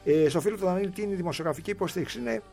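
A man's voice: sits high, mellow, soft background music. A middle-aged man co-hosting a sports talk show in a loose, repetitive, chatty way. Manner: chatty, repeats himself, lots of affirming yeses.

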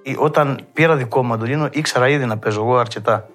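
A man with a Cretan accent, a mandolin player telling stories from his past and acting out old conversations in a lively way. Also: mid-range voice, faint music behind. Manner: lively storyteller who acts out past dialogue. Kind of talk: reminiscing storytelling.

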